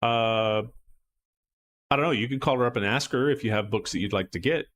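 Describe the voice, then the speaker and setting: A man's voice: mid-range voice, a little fast, a bit bright. A man acting as game master, recapping a tabletop horror game in a loose, rambling way full of fillers and restarts.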